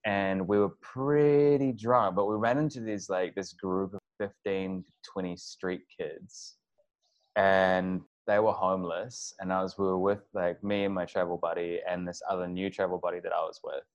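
A man's voice: low-pitched, steady tone, moderate pace. A man telling a travel story casually, rambling with lots of fillers and restarts. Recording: dull lo-fi audio.

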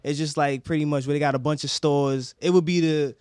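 A man with a slightly high voice tells stories in loose, slangy chat. He acts out quotes as he goes, and the sound is dry and close. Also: brisk, clear, resonant tone, no echo. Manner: slangy, animated retelling with acted-out quotes. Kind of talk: casual storytelling chat.

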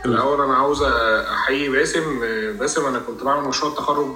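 A man's voice: mid-range voice, steady tone, rapid-fire, pushed and bright. A middle-aged man with an Egyptian Arabic accent, speaking casually as a guest and mixing in English finance terms. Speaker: guest speaker from the audience, an engineer. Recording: roomy, distant mic, faint background noise.

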